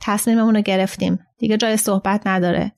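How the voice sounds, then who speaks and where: A woman reading the lines of a calm, measured old man in a storybook reading. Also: mid-range voice, natural voice.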